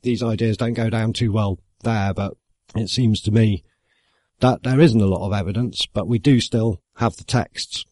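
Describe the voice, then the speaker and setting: A man, musing aloud in a relaxed, rambling way about acting, often stopping to correct himself and adding wry asides. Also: lowish voice, normal speed, dry recording, studio quality. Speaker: amateur actor. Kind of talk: casual reflective monologue.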